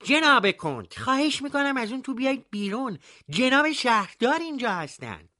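A man's voice: fairly high pitch, big pitch swings, a bit bright, no room sound, clean studio sound. A man voicing a nervous, deferential male village baker. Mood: pleading.

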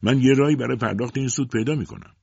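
A man's voice: mid-range voice, gravelly, darkish tone, husky, no room sound, lo-fi sound, voice pushed up. A man voicing a young man who pleads earnestly and insistently with his father in an audiobook.

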